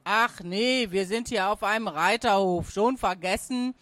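A woman's voice: unhurried, fairly bright tone, no room sound, natural voice. A woman voicing a sleepy, dismissive older brother in a children's audio story. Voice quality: lower, grumbling, unimpressed.

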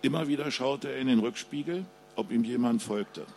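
Male author at a live reading, gravelly voice, mid pitch, steady narration. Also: moderate pace, slight background noise. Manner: chatty asides to the audience before reading. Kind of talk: reading his crime novel aloud at a live reading. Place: public book reading with audience.

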